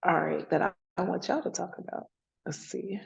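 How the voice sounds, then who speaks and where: A woman's voice: on the low side, steady tone, normal speed, creaky, slightly rough, rough recording. A woman leading a laid-back workshop, chatty, with lots of fillers and restarts. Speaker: workshop presenter, emergency physician.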